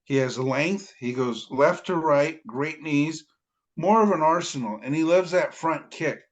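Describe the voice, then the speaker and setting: A man's voice: on the high side, unhurried, highs cut off. Fired-up man stammering his picks. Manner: heated, emphatic, stammering restarts. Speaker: podcast co-host. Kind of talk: casual MMA podcast chat.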